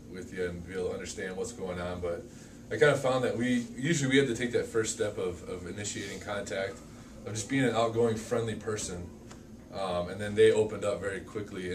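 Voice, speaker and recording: Fast-talking young man, distant mic. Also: lowish voice, a little mellow, slight background noise. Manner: fast-talking, halting restarts. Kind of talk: casual conversation.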